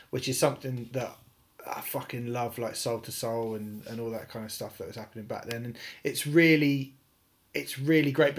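Laid back guy on a music podcast, rambles a bit, swears. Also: mid-range voice. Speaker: podcast co-host. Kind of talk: casual music review chat.

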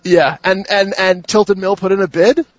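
A man's voice: high voice, fairly even intonation, moderate pace, no echo, dull audio. A man hosting a casual gaming podcast, hesitant and restarting his sentences often. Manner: hesitant, many restarts and fillers. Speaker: podcast host.

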